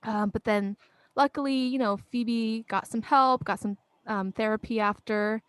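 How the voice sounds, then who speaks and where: Young woman podcast co-host, lively storyteller, fairly high voice, dry close sound. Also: measured pace, smooth, no room sound. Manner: animated, acts out friends' quotes, laughs often. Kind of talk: casual storytelling chat.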